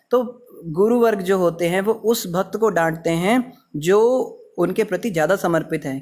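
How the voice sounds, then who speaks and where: A man's voice: high-pitched, a little mellow. A man giving a scripture class, explaining with everyday examples and storytelling. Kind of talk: Hindi scripture class sermon.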